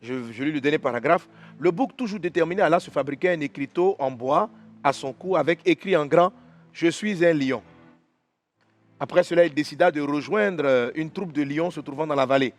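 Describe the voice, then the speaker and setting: A man preacher telling an animal story in a lively way during a devotional sermon in a church. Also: a little high, fairly quick, faint music behind.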